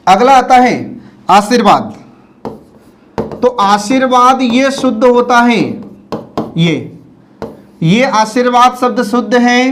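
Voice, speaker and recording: A man teaching a spelling lesson. He says each word slowly and more than once, and keeps checking that the students follow. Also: high voice, slight background noise. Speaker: Hindi teacher. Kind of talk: classroom lecture on word spelling.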